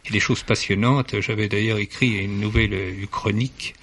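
A man's voice: fairly low pitch, steady tone, brisk, fairly bright tone, husky. A man speaking as a literary critic guest in a radio studio discussion, formal and hesitant, with many fillers and restarts. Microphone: studio microphone.

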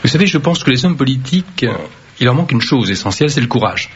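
A man who serves as a mayor, answering interview questions firmly and deliberately, with frequent hesitations. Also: medium pitch, animated, husky. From Vietnam. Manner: firm, measured, with frequent hesitations. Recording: dull lo-fi radio recording.

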